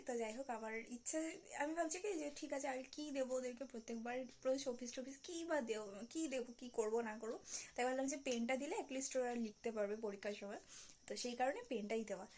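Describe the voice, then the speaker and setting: Young woman vlogger, hushed late-night chat into a phone at home, a little high-pitched. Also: fast. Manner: hushed, soft-spoken to avoid being overheard.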